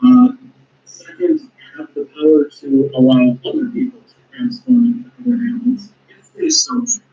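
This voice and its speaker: A young man being interviewed in casual chat, listing his hobbies with frequent fillers and pauses. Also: very high-pitched, huge pitch swings. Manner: hesitant, lists his talents with fillers. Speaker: guest. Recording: dull lo-fi audio.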